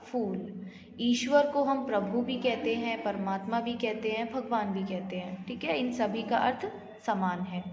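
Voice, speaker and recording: A woman's voice: on the high side, a little mellow. A woman teaching a grammar lesson, asking her students questions and then answering them herself, with English words mixed in. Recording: echoey room, slightly dull audio.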